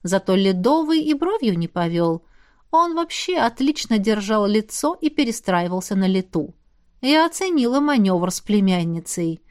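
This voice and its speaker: A woman's voice: fairly high pitch, a little mellow. Woman narrating a wry fantasy audiobook. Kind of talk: first-person fantasy narration.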